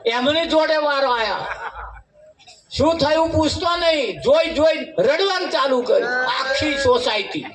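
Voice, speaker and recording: A man's voice: extremely high pitch, animated, normal speed, hardly any pauses, fairly bright tone, a little hiss or hum. A man telling a parable as a folksy sermon, repeating lines and chuckling as he goes. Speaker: spiritual speaker at a devotional gathering. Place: devotional gathering. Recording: echoey room from a distance.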